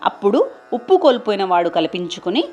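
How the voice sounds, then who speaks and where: A woman tells a folk tale for radio, her voice rising and falling in a lively, animated way. She sounds mid-pitched and even in tone. Soft sitar music plays faintly behind her. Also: brisk, lo-fi sound. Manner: expressive storytelling voice, lively intonation. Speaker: storyteller. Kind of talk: scripted radio story narration.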